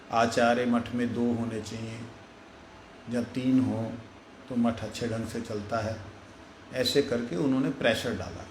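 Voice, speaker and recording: A man's voice: mid-range voice, a little mellow, reverberant, a little hiss or hum, poor audio. A man, a monk, telling devotional stories frankly and directly. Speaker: monk giving a devotional talk. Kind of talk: devotional storytelling talk.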